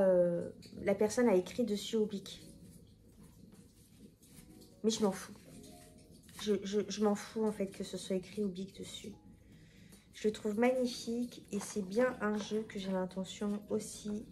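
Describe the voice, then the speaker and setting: A woman talks casually to her viewers in a mellow, warm voice, rambling and correcting herself as she goes. A faint background hiss sits under her speech. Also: mid-range voice. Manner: chatty, rambling, many fillers and self-corrections. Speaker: tarot video creator. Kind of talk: casual talk to camera.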